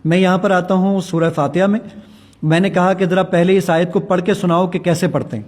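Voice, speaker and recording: A man's voice: high voice, fairly even intonation, darkish tone. A man, the guest who made the app, earnestly explaining and demonstrating it. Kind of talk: interview answers.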